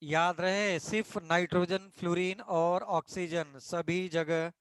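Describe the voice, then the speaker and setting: An Indian man runs an online chemistry class, dictating each phrase very slowly so his students can write it down. His voice is clear and smooth. The sound is dry and close to the mic. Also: sits high, steady tone, a bit bright, no room sound. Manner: slow dictation mixing Hindi and English, addresses students as beta. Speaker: chemistry tutor.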